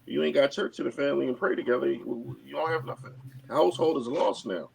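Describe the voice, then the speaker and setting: A man talking as a guest in a casual podcast discussion, halting and often repeating words. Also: medium pitch, vocal fry, a little hiss or hum, low-quality recording.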